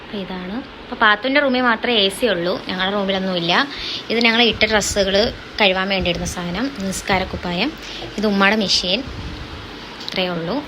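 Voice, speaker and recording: A young woman gives a chatty home-tour vlog, speaking at an average pitch and calling out to her viewers. The phone audio carries clear background noise. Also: steady tone, a little fast. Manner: chatty, keeps addressing viewers as guys. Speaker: vlogger giving a home tour. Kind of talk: casual home-tour narration.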